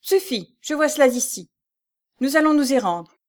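Brisk cop sergeant barking short questions, a woman reads him, audiobook. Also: high-pitched, animated, pitched above the performer's own voice. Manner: clipped, commanding questions. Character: brisk male country police sergeant.

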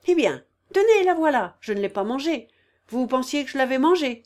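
A woman's voice: mid-range voice, expressive, moderate pace, a little mellow, natural voice. A woman voicing an imperious aging noblewoman who scolds and gives orders in a raised, emphatic voice. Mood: urgent, commanding.

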